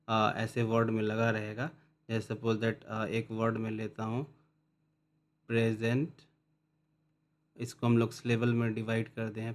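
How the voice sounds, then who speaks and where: A man explaining English word stress in a lesson, mixing in English terms and reading definitions slowly and carefully. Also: fairly low pitch. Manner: mixes Hindi with English terms. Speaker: teacher.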